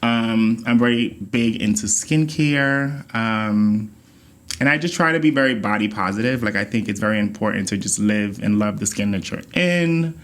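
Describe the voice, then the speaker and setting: Bahamas-born guy cohosting a chill podcast, playful and animated, loose easy chat. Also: fairly low pitch, normal speed. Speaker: podcast co-host. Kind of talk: casual chat.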